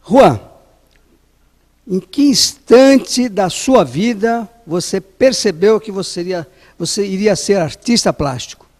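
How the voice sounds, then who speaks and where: High-voiced, upbeat male TV interviewer. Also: animated, takes it slowly, a little mellow, big-room sound. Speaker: TV interviewer, host.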